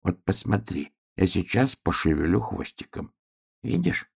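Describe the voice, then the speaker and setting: A man voicing a naive, stubborn little piglet who talks in a quiet, wondering, plaintive way. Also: low voice, animated, a little slow, vocal fry, breathy edge, exaggerated voice. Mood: puzzled.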